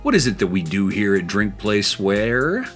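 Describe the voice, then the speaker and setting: A man's voice: a little fast, faint music behind. A man from South Texas hosting a gameplay channel, chatting playfully while he plays a game and tells a story. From South Texas, United States. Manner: chatty and playful, jumping into high exclaims. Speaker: host.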